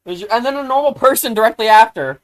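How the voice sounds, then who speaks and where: Casual live streamer, mid-range voice, chatty and self-deprecating, lots of "like" and "um", spikes into loud excitement. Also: medium pitch, fast talker. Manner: rambling, filler-heavy, self-deprecating; easily excited, bursts into loud exclamations.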